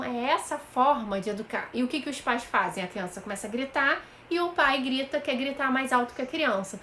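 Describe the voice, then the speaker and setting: A woman's voice: fairly high pitch, fairly bright tone, slight background noise. A woman with a Brazilian Portuguese accent, a child psychologist on a live stream, patiently explaining practical parenting tips and often checking in with her viewers. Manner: addresses viewers directly, often checks in with "right?". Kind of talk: live stream advice talk.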